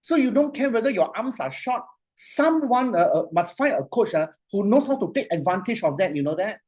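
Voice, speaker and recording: A man lecturing a class on coaching in an animated, repetitive way. He keeps checking in with the students and slows right down when he dictates a phrase. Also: sits high. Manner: animated, repetitive, asks "you see?" often.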